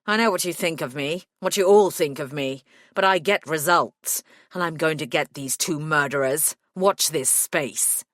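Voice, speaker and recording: A woman's voice: low-pitched, unhurried, a bit bright, no echo, studio quality. A woman reading a curt police chief. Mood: defiant. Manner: curt and blunt. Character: gruff male police chief inspector.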